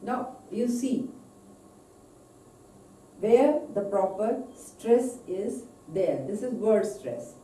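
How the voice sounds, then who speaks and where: A woman with an Indian English accent teaching English pronunciation in a recorded lecture, slowly stretching out example words. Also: mid-range voice, expressive, dark tone, recorded from a distance. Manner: slow, deliberate, drawn-out example words. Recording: echoey room, voice off-mic.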